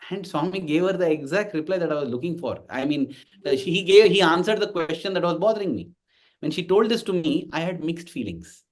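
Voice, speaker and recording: Speaking at a medium pitch, an Indian English-accented man in his forties addresses a congregation as an invited devotional speaker. He's emphatic, performing the dialogue within his stories.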